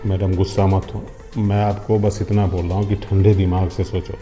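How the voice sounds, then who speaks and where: A humble, honest security guard in middle age, played by a man. His voice sits low and mellow, and he speaks politely. The scene is from a scripted short drama. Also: level tone, moderate pace, faint music behind, natural voice. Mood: cautious. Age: middle-aged. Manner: polite, respectful, pleading.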